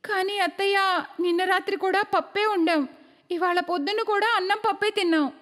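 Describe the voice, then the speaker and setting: A woman's voice: extremely high pitch, fairly even intonation, normal speed, fairly bright tone, long reverb tail, voice pushed up. A woman voicing a meek but fed-up young daughter-in-law who complains and pleads in a cartoon story. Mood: pleading. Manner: pleading, whiny.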